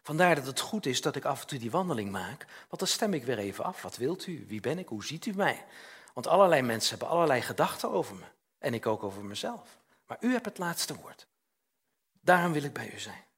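Husky older man preaching informally. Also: mid-range voice, very animated, a little fast, a bit bright. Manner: chatty, often adds "hè?", acts out little scenes. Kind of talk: informal sermon.

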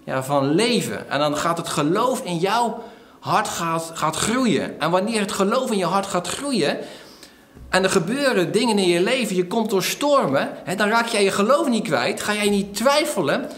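A man preaching a sermon, retelling a story lively with acted-out quotes and frequent fillers. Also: high-pitched, normal speed, reverberant. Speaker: pastor.

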